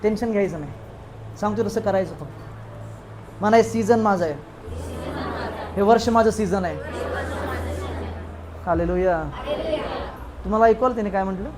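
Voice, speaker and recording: In a church hall with crowd noise and a noisy background, a male pastor with a Marathi accent preaches at normal speed. His voice sits high, he pauses often, and he emphatically calls out hallelujahs alongside the congregation.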